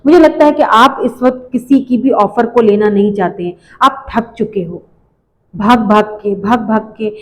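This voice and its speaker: A woman's voice: on the high side, normal speed, low-quality recording. A woman with an Indian accent giving a tarot reading, mixing English phrases into her speech and speaking with open emotion as she voices the messages. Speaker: tarot reader.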